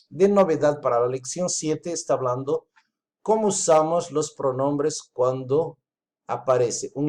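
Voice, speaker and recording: A man's voice: medium pitch, a little mellow. Man explaining grammar with "¿sí?" checks. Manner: explains step by step, tags lines with "¿sí?" and "¿está bien?". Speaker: Spanish teacher. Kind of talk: recorded online lesson.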